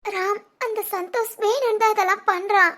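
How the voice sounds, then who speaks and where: A woman voices a frightened young bride who keeps begging through tears. Her voice sits extremely high and thin. This is amateur family drama voice acting. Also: fairly even intonation, normal speed, fairly bright tone. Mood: worried. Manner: pleading, repeats her partner's name. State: crying.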